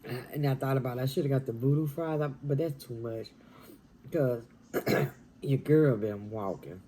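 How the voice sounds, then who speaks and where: A woman, chatting casually while eating on camera in her dining room, talking softly and half-whispering. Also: very deep voice, moderate pace, slight background noise, poor audio. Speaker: mukbang vlogger.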